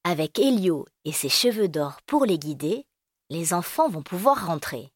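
A woman reading a children's storybook aloud, gentle and expressive. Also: fairly low pitch, measured pace, no room sound, clean studio sound.

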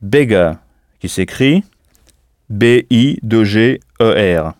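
Slow, patient male language teacher. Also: on the low side, expressive, darkish tone, no room sound, studio quality. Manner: slow, spells out words letter by letter. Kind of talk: scripted audio lesson.

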